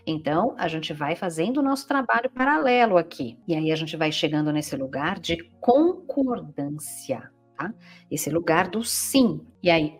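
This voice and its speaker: A woman with a Brazilian accent teaches in a somewhat low voice. She explains step by step and keeps checking in with her listeners. Faint music plays softly behind her. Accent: Brazilian Portuguese. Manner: explains patiently, often checking in with "né?" and "tá?". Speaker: psychologist and family constellation teacher. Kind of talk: explanatory teaching talk to viewers.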